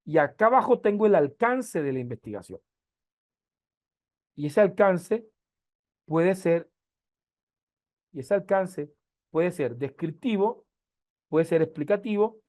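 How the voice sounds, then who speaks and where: Colombian lecturer teaching an online class. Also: male voice, high voice, a little mellow, dry recording, studio quality. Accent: Colombian Caribbean coast, softened. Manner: explanatory, asks "¿sí?" often, with slow emphatic stretches. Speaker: university lecturer. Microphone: video call.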